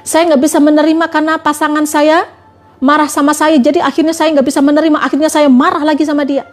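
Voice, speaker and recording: A woman's voice: sits high, little pitch movement, fast talker, soft background music. A woman giving a religious talk on a live stream, asking her listeners question after question. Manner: repetitive rhetorical questioning.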